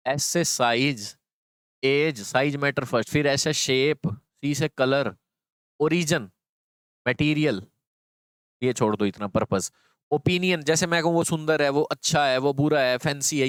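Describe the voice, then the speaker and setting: A man's voice: a little high, clear, resonant tone, no echo. A man teaching an exam-prep English grammar lesson, explaining step by step and repeating key phrases to his students.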